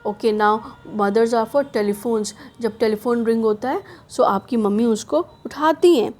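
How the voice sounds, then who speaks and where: A woman teacher with an Indian English accent, reading a children's poem slowly and explaining it quickly in English and Hindi. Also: fairly high pitch, darkish tone. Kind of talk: classroom poem lesson.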